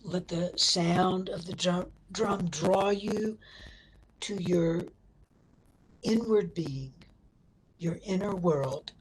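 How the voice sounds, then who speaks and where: A woman instructor guides a meditation, speaking gently in short, measured phrases. Her lowish voice has a breathy, husky tone, and the audio quality is poor.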